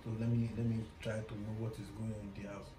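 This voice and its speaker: A man's voice: fairly low pitch, little pitch movement, quick pace, lightly acted. A man acting a secretive father about to travel, giving the children earnest, repeated instructions in an amateur family skit. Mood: urging. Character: secretive father leaving on a trip. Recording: echoey room with clear background noise.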